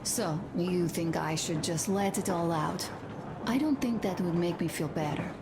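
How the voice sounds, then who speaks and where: A tender young wife, slow-spoken. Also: female voice, on the low side. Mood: grieving, anxious. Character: young wife, tender and pensive, confiding in her husband. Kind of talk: intimate dramatic video game dialogue. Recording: game audio with clear background noise.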